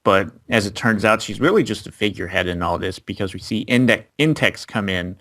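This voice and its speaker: A man's voice: fairly low pitch, fairly quick, fairly bright tone, slight background noise. A man co-hosting an anime review, recapping the episode plot in casual chat with frequent fillers.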